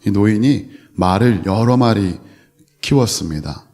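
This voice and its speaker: A man's voice: on the low side, measured pace, warm tone. A man who is a pastor preaching a sermon to young people, telling a story and speaking directly to his listeners. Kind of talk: sermon to youth.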